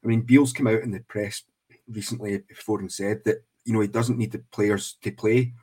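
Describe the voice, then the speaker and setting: Husky scottish bloke, lowish voice, makes his case on a footy podcast, earnest and long-winded. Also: fairly even intonation, a little fast, darkish tone. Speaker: podcast co-host. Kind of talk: casual football podcast chat.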